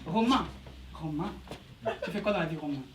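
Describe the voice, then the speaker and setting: A male comedian voicing a bossy, flamboyant theater teacher who teases and barks sudden orders at a stand-up audience, recorded from a distance in an echoey room with loud crowd noise. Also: a little high, moderate pace, close to an everyday voice. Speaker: comedian in character. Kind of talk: stand-up character act. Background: audience laughter.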